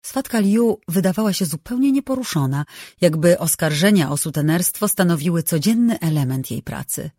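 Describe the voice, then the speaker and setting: An audiobook narrator reading a novel in a measured, even way on a close microphone. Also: mid-range voice, no echo.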